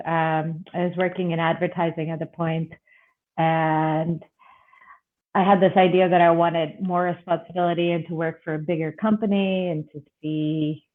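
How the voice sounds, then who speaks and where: A woman from Bangladesh, born in Russia, talks through her story as a podcast guest, relaxed and reflective. Her voice stays quite flat in pitch. It comes over a tinny, phone-like line. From born in Russia, raised in Bangladesh. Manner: relaxed, reflective, with fillers and light laughs. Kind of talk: casual interview conversation.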